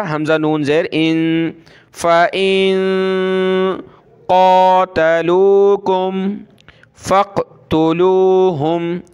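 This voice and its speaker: A man teaching Quran recitation with a Pakistani Urdu accent. He spells out letters and vowel marks, then chants each word slowly and draws it out, with quick explanatory asides in between. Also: on the high side, clear, resonant tone. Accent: Urdu-speaking, Pakistani. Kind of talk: step-by-step recitation lesson.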